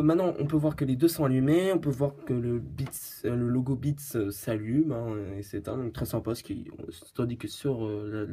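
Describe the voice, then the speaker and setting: A mid-range, warm, slightly rough male voice belongs to a tech review channel host chatting casually about a product. He stumbles with fillers and restarts, giggling and teasing himself along the way.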